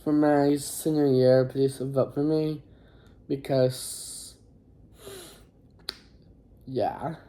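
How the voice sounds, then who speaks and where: Speaking in a level, mellow tone, this high school teenager films a laid-back recap vlog on their phone, stumbling, wandering off topic, and apologizing.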